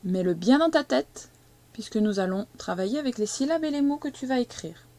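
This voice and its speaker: A woman teaching a young child to read, speaking slowly and patiently and stressing each syllable as she dictates. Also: on the high side, lively intonation, mellow. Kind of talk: reading and spelling lesson for a young child.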